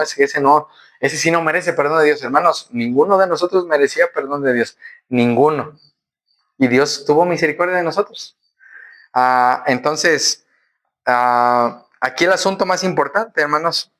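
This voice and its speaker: A man's voice: on the high side, fairly bright tone. A man preaching a sermon to his congregation, often calling them brothers and posing rhetorical questions.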